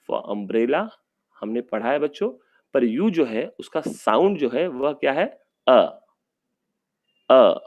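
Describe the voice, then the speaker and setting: A man's voice: mid-range voice, darkish tone, muffled recording. A male teacher giving an online class for young children, speaking patiently, often calling out to the kids and drawing out vowel sounds.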